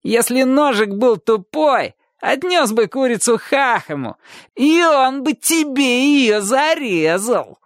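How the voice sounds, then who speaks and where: A cheeky, sneering schoolboy, as a male storyteller puts him on, needling and gloating in a thin, high voice that leaps about. He speaks from a dry, close storybook recording. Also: animated, slow, no echo, exaggerated voice. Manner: sneering, taunting. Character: mocking spiteful schoolboy, nervous and cheeky.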